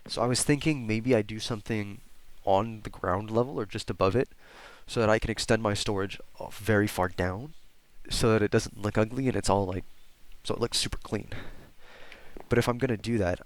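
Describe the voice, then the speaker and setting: This stuffed-up young man, sick with a cold, narrates his gameplay casually for a YouTube Let's Play in a lowish voice with no echo. His talk wanders, full of fillers and restarts.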